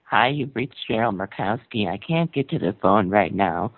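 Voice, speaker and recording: A man putting on a sweet, folksy middle-aged woman caller who rambles and stalls with hesitations. The voice is low and gravelly, with a lively, swooping pitch. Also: normal speed, phone-quality sound. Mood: sweetly folksy. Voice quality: gravelly, drawling endearments. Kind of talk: prank phone call.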